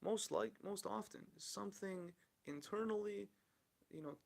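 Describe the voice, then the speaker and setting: Gravelly man rambling on a podcast. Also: sits high, measured pace, darkish tone. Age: 30s. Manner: rambling, candid, swears casually. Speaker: podcast host. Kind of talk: casual solo podcast commentary.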